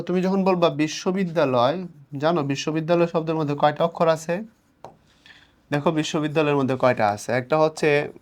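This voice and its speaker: A young man teaching an exam-prep lesson, explaining patiently and counting out syllables slowly. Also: a little high.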